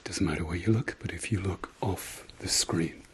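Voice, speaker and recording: A middle-aged man doing fast whispering ASMR as a whispered role-play, breathy and close, repeating soft words in quick runs while giving instructions. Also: low voice, background noise. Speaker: ASMR host.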